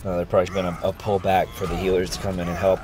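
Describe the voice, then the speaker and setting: A man with a fairly low voice talks through a friend's match in an easygoing, encouraging way. He is sick, and his voice sounds worn, with lots of ums as he goes. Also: monotone, rapid-fire, darkish tone. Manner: easygoing, upbeat, many ums. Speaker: gameplay reviewer. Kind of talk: casual gameplay commentary.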